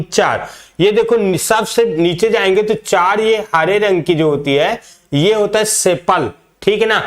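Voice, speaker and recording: A male biology teacher lecturing a class, showing a flower, repeating each term and quizzing his students. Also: sits high. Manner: repeats key terms and quizzes students with "क्या बोलते हैं?"; calls students "बेटा", demonstrates with a flower.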